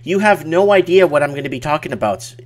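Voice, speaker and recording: A man's voice: fairly high pitch, expressive, fast. A man hosting a casual late-night live stream, speaking emphatically and repeating words for effect. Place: small home office at night.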